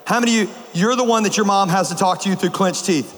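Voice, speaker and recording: High-voiced preacher in a big reverberant hall. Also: male voice, quick pace. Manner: animated storytelling with bursts of shouting. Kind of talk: comedic sermon to a large crowd. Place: large auditorium with a live audience. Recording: long hall reverb, faint ambience.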